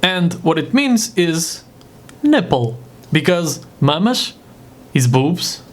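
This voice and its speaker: A native Portuguese speaker from Portugal hosts an informal video lesson on vocabulary, joking around as he teaches. His voice is fairly high and very animated, yet he takes his time, speaking slowly with a Portuguese accent.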